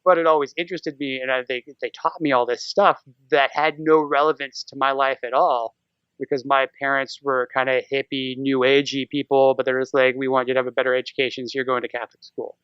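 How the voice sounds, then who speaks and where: As a podcast guest, a man spins whimsical, irreverent stories in casual, humorous chat. His mid-range voice is clear and resonant but flat in delivery, and he speaks briskly. There's no room sound, though the lo-fi audio comes across slightly dull and muffled.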